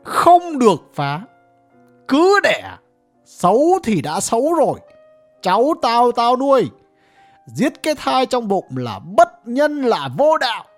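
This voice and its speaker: Reader doing a grumpy old village guy, ex-official, curses a lot, slow and swooping, faint music behind. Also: medium pitch, sing-song, darkish tone. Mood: furious. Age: older. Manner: ranting, grieving, coarse cursing. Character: bitter old village man, former cadre. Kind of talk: audiobook character voice.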